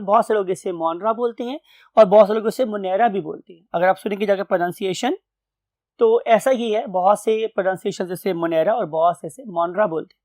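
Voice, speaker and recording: A man's voice: sits high, no echo. Male biology teacher, explanatory lecture style, sprinkles English terms, dry close sound. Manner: explanatory, mixes English terms, addresses "my dear students". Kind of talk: classroom lecture.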